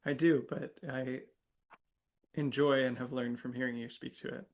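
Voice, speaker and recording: A man from the United States hosting a podcast interview, gentle and affirming, often murmuring agreement as he listens. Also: medium pitch, level tone, moderate pace. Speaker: podcast host. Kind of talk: interview conversation.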